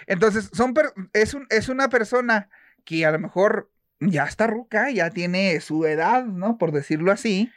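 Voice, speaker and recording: A young man with a Mexican accent trades stories in a relaxed co-host chat, loose with slang and quick jokes. His pitch swings widely as he acts out lines. The sound is close and dry, with no room around it. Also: dry recording. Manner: slangy, joking storyteller, quick asides. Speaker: podcast co-host. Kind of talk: casual chat.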